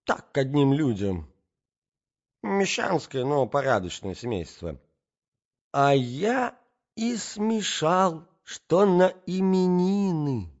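A bewildered elderly prince, put on by a man reading aloud drifts between agreement and confusion. His voice sits well above the reader's own and wanders in pitch. The recording is dull and lo-fi. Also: big pitch swings, slow pace. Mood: muddled. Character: befuddled elderly male prince, muddled.

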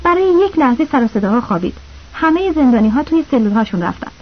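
A woman's voice: a little high, big pitch swings, husky. A woman narrating a novel as an audiobook, reading the characters' lines in her own voice with small shifts. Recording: slightly dull lo-fi audio.

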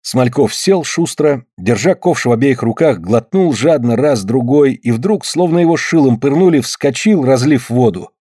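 This narrator, a man with a husky voice, reads a story aloud in a lively audiobook style with freely shifting pitch, keeping a moderate pace and pausing little. The recording is dry and intimate.

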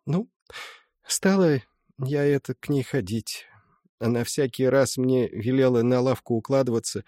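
A man reading the part of an old village mother who confesses her past softly and tearfully, in a folksy storytelling way. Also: medium pitch, dry recording, studio quality, close to an everyday voice. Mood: tender. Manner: soft storytelling, folksy and confiding. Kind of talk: audiobook reading.

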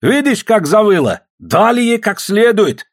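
A shrill, gloating little policeman, put on by a male narrator in an audiobook. The voice sits far above a man's usual pitch and leaps about as he jeers at his captives. It has a husky edge. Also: sing-song, unhurried, heavily acted. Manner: jeering, gloating. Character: small cruel mocking male policeman.

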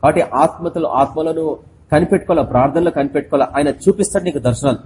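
Guy preaching, talks right at the crowd, somewhat high mellow voice, faint hiss behind. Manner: explains slowly, then cries out quoted words loudly; addresses listeners directly. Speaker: pastor. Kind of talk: sermon.

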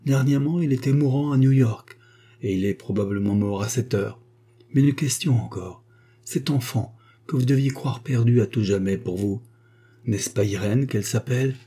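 Male reader as a calm, grave doctor, husky and a touch raised in pitch. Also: moderate pace, close to an everyday voice.

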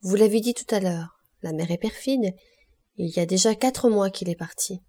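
A woman's voice: mid-range voice, moderate pace, mellow, close to an everyday voice. A woman reading the part of a steadfast young woman in love, earnest and emphatic, in an audiobook. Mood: pleading.

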